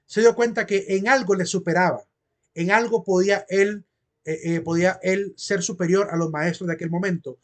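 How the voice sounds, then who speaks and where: A man gives a philosophy lecture to his class in a fairly high voice. He explains at length, circles back over his points and keeps asking whether they follow. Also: fairly even intonation, normal speed. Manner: explanatory, repeats phrases and asks "¿verdad?". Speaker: philosophy teacher.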